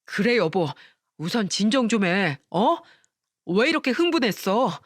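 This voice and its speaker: A woman's voice: medium pitch, big pitch swings, unhurried, dry recording, studio quality. A woman voicing a cheating husband, a male teacher, who talks in a coaxing, placating way.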